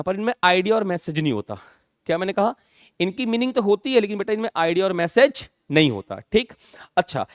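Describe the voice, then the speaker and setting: A male English teacher with an Indian accent lecturing students in Hindi mixed with English. He keeps calling them "children" and asking check questions, and he dictates definitions slowly, word by word. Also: high-pitched, no room sound, clean studio sound. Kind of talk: classroom lecture.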